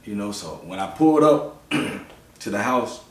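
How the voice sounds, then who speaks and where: A man's voice: on the low side, expressive, measured pace. A man hosting a podcast, talking in a loose, reflective way with lots of "you know". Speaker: podcast host. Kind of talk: casual conversational interview. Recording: roomy sound from a distant mic.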